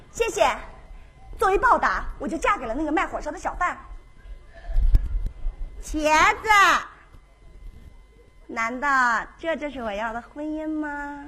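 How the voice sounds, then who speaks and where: Woman, comedian, very high voice, playful, animated stage monologue. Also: a little hiss or hum. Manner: animated, playful storytelling with sudden outbursts.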